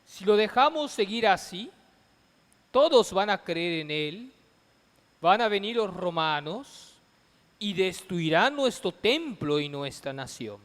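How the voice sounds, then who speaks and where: A man reading scripture as a clergyman at Mass, solemn and measured, declaiming in phrases with pauses, with cathedral echo. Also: sits high, animated, a bit bright. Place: large reverberant church. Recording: long cathedral echo and reverb.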